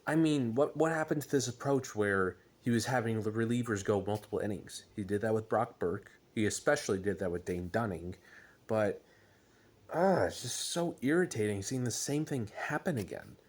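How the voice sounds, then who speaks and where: A man's voice: on the low side, expressive, moderate pace. A man on a casual sports rant as a fan, exasperated, with groans and emphatic bursts.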